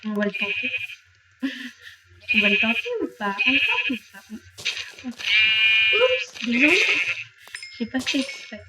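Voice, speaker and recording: A woman's voice: fairly high pitch, sing-song, a little slow, long pauses, very noisy. Playful young woman narrating her gameplay. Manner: playful, chatty, talks to viewers and to things. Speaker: gaming youtuber. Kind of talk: casual let's play commentary.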